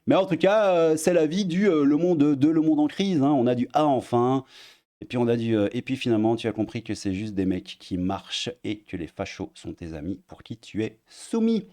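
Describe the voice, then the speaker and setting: A man with a mellow, rounded voice at an ordinary pitch, talking casually as he reads posts aloud. His tone is sarcastic, jumping up in mock outrage and then sinking into quiet, half-whispered mutters at the ends of his sentences. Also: lively intonation, normal speed. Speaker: online commentator.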